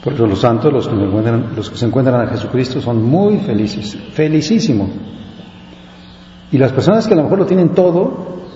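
Reflective priest in an echoing hall. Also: male voice, medium pitch, animated, fairly quick, dark tone. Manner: reflective, frequent "pues" fillers. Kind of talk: prayer and spoken meditation. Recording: dull echoey hall with faint hiss.

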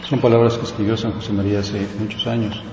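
A man leading prayer and a spoken meditation in a reflective way, often pausing on filler words. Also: on the low side, little pitch movement, darkish tone. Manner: reflective, frequent "pues" fillers. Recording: dull echoey hall with faint hiss.

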